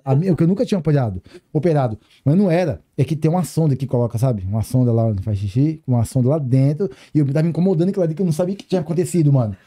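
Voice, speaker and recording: A man with a Brazilian Portuguese accent, a podcast guest telling a story in casual chat, animated and slangy, acting out the dialogue. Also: on the high side.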